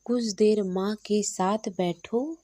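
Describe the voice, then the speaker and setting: A woman's voice: mid-range voice, steady tone, takes it slowly, warm tone, no echo. A woman doing a patient young husband. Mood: coaxing.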